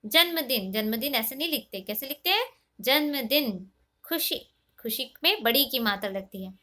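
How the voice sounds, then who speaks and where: A woman teaching a class of small children in a lesson. Her voice is high and bright. She asks the class a question, answers it herself, and slips English words in as she goes. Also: lively intonation, a little fast. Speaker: primary school teacher.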